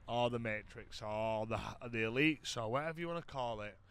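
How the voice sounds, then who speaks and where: British male podcast co-host: bright, forceful, clean tone; drunk, blunt, sweary banter. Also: mid-range voice, normal speed, clean tone. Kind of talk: casual banter.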